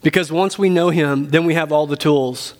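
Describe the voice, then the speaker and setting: Here a man with a fairly high, steady voice preaches an earnest sermon at a moderate pace. Speaking into the pulpit mic as pastor, he teaches and hammers home key phrases by repeating them.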